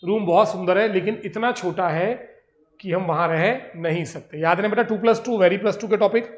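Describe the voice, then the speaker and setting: In a classroom, an Indian-accented man lectures on English grammar, using Hindi for explanations and reading English sample sentences at a slow pace. His pitch sits high, and the sound is roomy.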